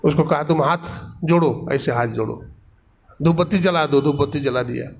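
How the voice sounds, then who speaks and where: A man's voice: on the high side, moderate pace, vocal fry, slightly rough. A man delivering a storytelling sermon as a spiritual teacher, voicing the characters in his parable. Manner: acts out the characters' quotes in the story.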